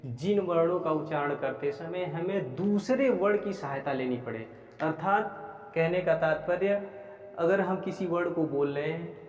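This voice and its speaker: A man teaching a grammar lesson, explaining step by step, repeating phrases and dictating definitions slowly word by word. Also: fairly high pitch, a little mellow. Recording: dull lo-fi recording.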